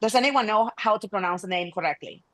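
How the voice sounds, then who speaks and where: Woman host, Spanish first language, chatty and halting, dry close call audio. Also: mid-range voice, a bit bright, dry recording, rough recording. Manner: hesitant, restarts often, friendly. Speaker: meeting host. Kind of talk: online meeting chat. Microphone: video call.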